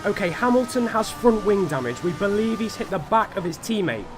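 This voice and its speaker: A man voicing a race engineer who gives short, calm instructions over the team radio in a racing game. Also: high voice, a little fast, over music. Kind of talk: game voice acting.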